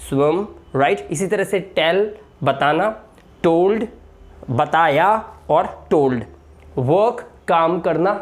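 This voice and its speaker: Male grammar teacher, patient drill style, repeats every form. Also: high-pitched. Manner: repeats words, checks in with "right". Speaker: English teacher. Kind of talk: classroom grammar lesson.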